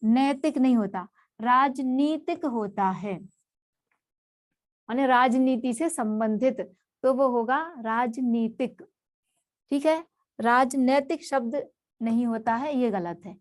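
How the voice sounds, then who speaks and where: Higher-pitched woman teaching spelling patiently. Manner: patient, explains word by word and repeats each term. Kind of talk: spelling lesson for exam students.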